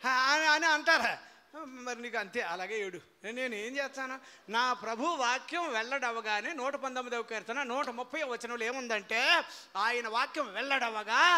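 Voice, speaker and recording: A man preaching a sermon as pastor, quizzing his congregation in call-and-response and swinging from low storytelling to shouted praise. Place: church hall before a congregation.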